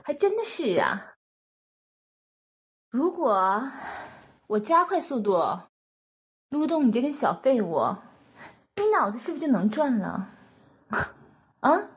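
A woman's voice: fairly high pitch, big pitch swings, slow pace, pauses often. A woman playing a scornful, foul-mouthed dominatrix in an adult role-play recording, speaking in a harsh, taunting manner and firing the same questions again and again. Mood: contemptuous. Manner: harsh, taunting, swears a lot, repeats questions.

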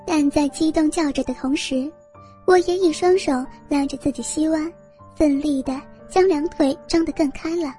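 A woman narrating a first-person story in a steady, intimate reading voice. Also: high voice, moderate pace, soft background music.

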